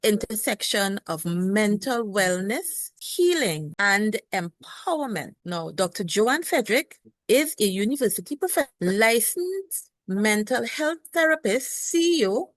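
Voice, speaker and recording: A woman's voice: mid-range voice, big pitch swings, a little slow, dry recording. A woman nurse hosting a health show, formally introducing her guest and asking broad questions. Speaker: podcast host and nurse.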